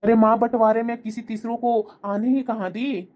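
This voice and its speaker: A placid young husband in a cartoon, voiced by a woman. The voice is fairly high yet dark and mellow, and he talks in a calming, easygoing way. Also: normal speed, close to an everyday voice. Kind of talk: animated cartoon voice acting.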